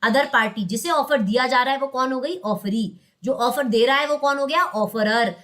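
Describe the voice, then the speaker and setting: A woman's voice: high voice, normal speed, fairly bright tone. A young Indian woman teaching law in an online class, mixing English terms into Hindi, quizzing her students and coaxing them as "beta".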